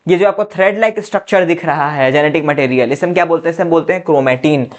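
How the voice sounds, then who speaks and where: Higher-pitched man teaching biology. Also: fast talker, highs cut off. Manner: repeats questions and answers them himself, says "ठीक है" often; addresses students as "बच्चा". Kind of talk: classroom lecture.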